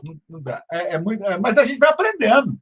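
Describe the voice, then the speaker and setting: Man from Brazil, host, husky voice, dull lo-fi sound, playful, stammers. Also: high voice, sing-song, fast. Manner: playful, acts out quotes loudly, stammers on restarts. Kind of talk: casual interview chat.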